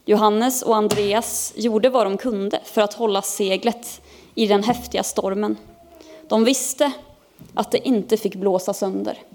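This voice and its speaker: A woman pastor preaching in a church service, reading a children's Bible story aloud with expressive storytelling. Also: medium pitch. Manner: expressive storytelling, lifting her voice for characters' cries.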